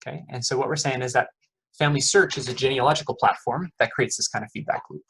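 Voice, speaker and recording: A middle-aged economics professor gives a casual, chatty lecture, quizzing his students and filling his talk with uhs and okays. His mid-range voice is quick, fairly bright, and edged with vocal fry. The audio is poor, with a little hiss or hum.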